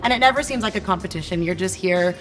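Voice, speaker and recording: A woman's voice: mid-range voice, fast talker, faint music behind, rough recording. A woman, a returning fitness instructor, speaking enthusiastically in interview soundbites.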